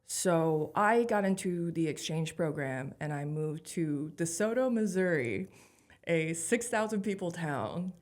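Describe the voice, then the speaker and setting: A woman in her thirties from Taiwan, a comedian telling her life story in a candid, animated way with many "like"s. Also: lowish voice. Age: 30s. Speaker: guest comedian. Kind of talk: casual interview chat.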